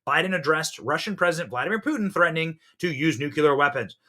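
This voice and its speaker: A man in his thirties hosting a political podcast, giving fiery commentary that swings between loud outbursts and hushed asides. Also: a little high, animated, fast talker. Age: 30s.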